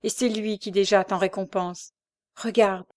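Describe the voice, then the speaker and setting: A woman voicing a tender, devout poor young mother in an audiobook, speaking gently and earnestly. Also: mid-range voice, steady tone, unhurried, natural voice. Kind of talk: audiobook character voice.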